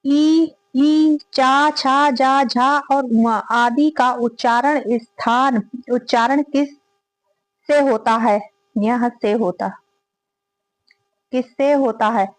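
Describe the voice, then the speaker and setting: A woman with a high, bright voice talks through exam-prep quiz questions like a teacher. She reads each question and repeats the options aloud before naming the answer. The sound is dry and close, with almost no room echo. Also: slow pace. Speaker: Hindi grammar teacher.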